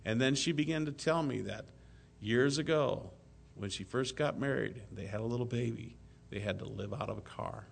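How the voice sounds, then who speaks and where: A man preaching a sermon to his congregation, rising loud on key phrases and dropping to a soft, hushed tone. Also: mid-range voice, moderate pace, vocal fry, a little hiss or hum. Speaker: pastor.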